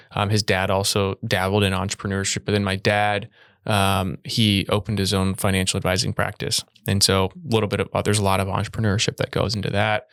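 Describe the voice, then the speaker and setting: Gravelly low-voiced man, relaxed guest. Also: dry recording, studio quality. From Iowa, USA. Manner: relaxed, chatty, laughs easily. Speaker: podcast guest, video production business owner. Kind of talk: casual interview conversation.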